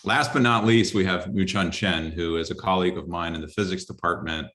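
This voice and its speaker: A man hosting a university panel discussion, introducing guests in a friendly, halting way with restarts. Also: deep voice, steady tone, a bit bright. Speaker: dean and panel host.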